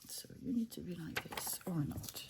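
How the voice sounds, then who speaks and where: A woman vlogger from France and Italy chats casually while crafting, musing aloud, talking to her craft pieces, and often sinking into a whisper. Her fairly low voice is expressive and moves at a normal speed, with background noise behind it.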